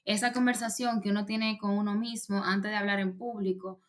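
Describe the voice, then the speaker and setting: A woman coaching on public speaking in a relaxed conversation, explaining at length with many fillers and restarts. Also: medium pitch, brisk. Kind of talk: casual advice chat.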